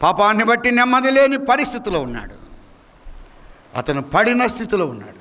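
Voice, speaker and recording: Man preaching, high voice, very lively pitch, bright, emphatic sermon with sharp rises and drops. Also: a little fast. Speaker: pastor. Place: church.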